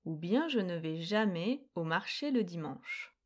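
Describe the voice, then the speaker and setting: Slow, clear-spoken woman teaching grammar. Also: lowish voice, lively intonation. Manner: slow, clear and deliberate explaining. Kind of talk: scripted quiz lesson.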